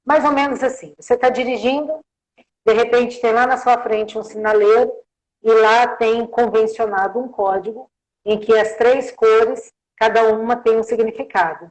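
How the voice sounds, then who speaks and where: A woman's voice: fairly high pitch, steady tone, moderate pace, rough recording. Woman explaining with everyday examples. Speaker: guest communication professional. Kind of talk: live-streamed interview.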